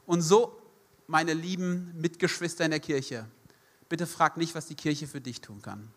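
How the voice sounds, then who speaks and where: A man's voice: a little high, fairly even intonation, unhurried, big-room sound. A man preaching a sermon in German, emphatic and addressing the congregation directly, repeating his key phrases. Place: church service.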